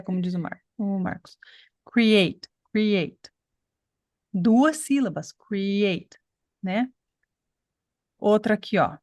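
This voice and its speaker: A woman's voice: mid-range voice, dry recording, clean studio sound. A woman from Brazil teaching an online English pronunciation class, explaining patiently and checking in with her students often.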